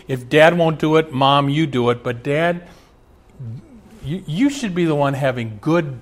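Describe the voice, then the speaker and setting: A middle-aged pastor preaches with plain, earnest conviction. His voice sits at an ordinary male pitch and climbs in force when he turns to call on the fathers in the congregation. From Omaha, USA. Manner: earnest, direct address to fathers, rising emphasis. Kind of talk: sermon.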